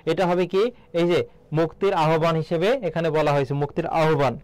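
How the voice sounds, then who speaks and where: A man's voice: on the high side, steady tone, normal speed, a little mellow, no room sound. Dry-voiced male tutor drilling exam answers. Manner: repeats questions and answers, quizzing the listener. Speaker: teacher. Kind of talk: exam-prep lecture.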